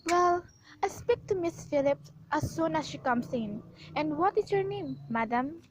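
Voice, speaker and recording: A woman's voice: high voice, expressive, a little slow, a little hiss or hum, low-quality recording. A woman playing a polite, formal clerk at a nurses' registry in an amateur radio play.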